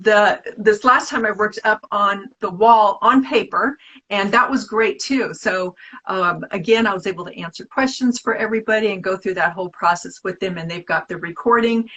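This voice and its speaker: A woman's voice: medium pitch, fairly bright tone, rough recording. A middle-aged woman artist from the Bay Area, talking casually and at length in an interview, with many restarts and fillers. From San Francisco Bay Area. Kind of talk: casual interview over a live video stream.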